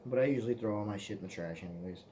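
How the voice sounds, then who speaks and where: A man in his twenties hosts his own vlog, rambling casually and profanely in a lowish voice at a very fast clip, with heavy background noise behind him.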